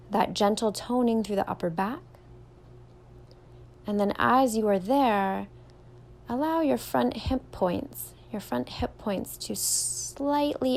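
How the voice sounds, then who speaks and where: The speaker, a young yoga teacher, guides a standing meditation at a slow, gentle, soothing pace. Her words are drawn out softly, and her voice sits mid-range.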